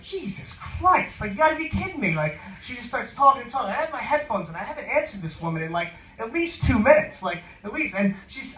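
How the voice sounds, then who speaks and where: Male stand-up storyteller, high voice, profane and rambling; distant mic in an echoey room. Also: sharp tone. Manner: profane, rambling, full of fillers. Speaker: stand-up comedian.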